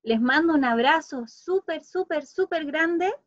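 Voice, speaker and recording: A woman teaching a young class online with a Chilean accent, saying words slowly and clearly for children. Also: high voice, expressive, dry recording. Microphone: video call. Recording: dull lo-fi video call audio.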